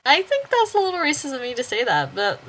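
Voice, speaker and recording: A woman's voice: high voice, huge pitch swings, quick pace, a bit bright, a little hiss or hum, rough recording. A woman in her twenties talking casually to camera in a vlog, jokey and full of "like" fillers. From Washington State, USA. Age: 20s. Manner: chatty, jokey, lots of "like" fillers, swings into silly character voices. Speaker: vlogger.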